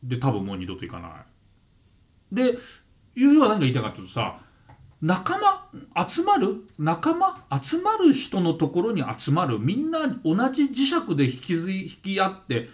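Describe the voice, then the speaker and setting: A man in his fifties from Gunma, Japan, hosting his own channel and telling a story to camera in a casual monologue. He often restarts and repeats words, and briefly mimics the people he describes. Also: fairly high pitch. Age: 50s. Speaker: channel host.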